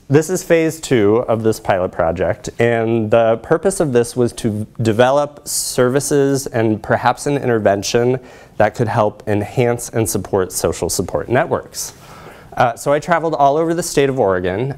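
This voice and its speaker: Standing beside the projection screen in a lecture room, a social work researcher in his thirties gives his presentation conversationally. He has a lowish, slightly mellow voice and checks in with listeners using short tag questions.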